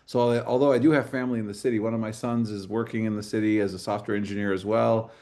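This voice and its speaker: A man's voice: lowish voice, fairly even intonation, fast, darkish tone. A middle-aged man from Michigan giving a casual talk in a college classroom, with many "uh"s and restarts. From Michigan, USA. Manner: hesitant, many fillers and restarts. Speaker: guest speaker, engineering director. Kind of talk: fireside chat talk.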